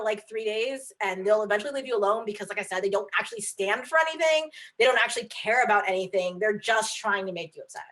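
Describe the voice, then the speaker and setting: A woman's voice: mid-range voice, a bit bright. A woman guest author chatting candidly on a video call, leaning on filler words and restarts. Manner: frank, candid. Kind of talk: casual chat on video call.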